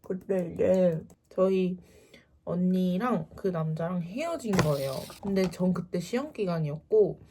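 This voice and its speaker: A woman's voice: lowish voice, a little slow, noisy background. A young woman casually telling a personal story, acting out the quoted lines with animation.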